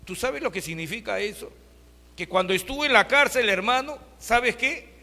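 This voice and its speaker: A man's voice: high-pitched, normal speed, vocal fry, sharp tone, long reverb tail. A pastor delivering a sermon, who keeps asking his listeners rhetorical questions and calls them brothers. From Peru.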